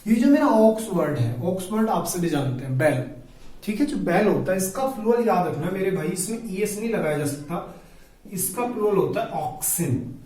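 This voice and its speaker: A man's voice: high voice, sing-song, normal speed, warm tone. A male grammar teacher giving a video lesson, repeating each point and asking and answering his own questions, often calling his listeners brother. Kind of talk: classroom-style video lesson. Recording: very echoey room, voice from a distance.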